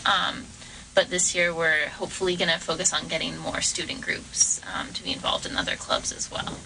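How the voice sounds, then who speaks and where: Young female student guest, vocal fry, bright tone, enthusiastic. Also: fairly low pitch, slight background noise, rough recording. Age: young adult. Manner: upbeat, enthusiastic. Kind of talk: casual radio interview. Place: campus radio studio.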